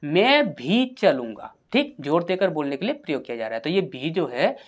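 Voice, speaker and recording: A woman teaching a grammar lesson for exam prep. She asks questions and answers them herself, and reads example sentences slowly and deliberately. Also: low-pitched, very animated.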